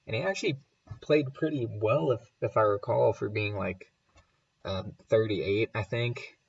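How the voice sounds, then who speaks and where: A man with a lowish voice rambles loosely through viewer comments, chuckling as he goes. The audio has a low sample rate and sounds dull and muffled, like a makeshift remote setup. His chat is relaxed and unscripted. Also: unhurried, gravelly, breathy edge. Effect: low sample rate, muffled low-quality audio. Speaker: channel host.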